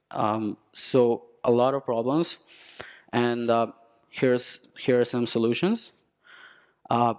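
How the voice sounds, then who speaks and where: A young man from Serbia with a Serbian accent, giving a technical conference talk from a lectern in a halting way with many restarts. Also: mid-range voice, darkish tone. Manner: halting, with frequent restarts and fillers. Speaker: conference speaker.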